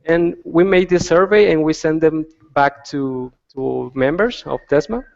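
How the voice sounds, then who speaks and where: Man, halting explanatory talk, fairly high voice, dull echoey recording. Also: vocal fry, darkish tone. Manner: halting, many restarts and fillers. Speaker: UX designer presenting research. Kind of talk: presentation on a video call. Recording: dull lo-fi sound with long reverb.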